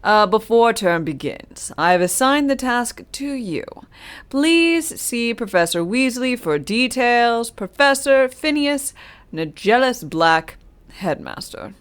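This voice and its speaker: A woman's voice: on the high side, sing-song, takes it slowly, smooth. A woman voicing a pompous, posh old male headmaster, reading a letter aloud with haughty airs.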